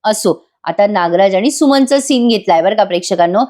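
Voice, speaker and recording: A woman's voice: mid-range voice, expressive, brisk, dark tone. A woman giving a chatty voice-over recap of a TV serial episode, talking straight to her viewers. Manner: chatty, amused, addresses viewers. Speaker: serial reviewer.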